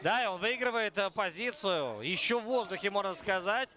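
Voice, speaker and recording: A man's voice: high-pitched, expressive, moderate pace. A man giving live play-by-play commentary on a mixed martial arts fight. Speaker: sports commentator. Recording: loud arena crowd behind commentary. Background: crowd noise.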